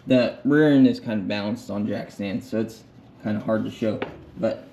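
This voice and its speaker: A man's voice: lowish voice, moderate pace, mellow, lo-fi sound, slight background noise. A man talking casually and plainly as a DIY mechanic showing his work, unscripted and laid-back. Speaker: DIY truck mechanic vlogger and welder. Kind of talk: casual, unscripted vlog talk.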